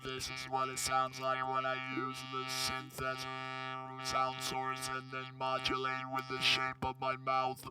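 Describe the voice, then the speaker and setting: A man speaking through a talk box, so his words come out as a synth tone shaped by his mouth, with slow, drawn-out syllables. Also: medium pitch, completely flat delivery, loud music behind the voice, voice pushed up.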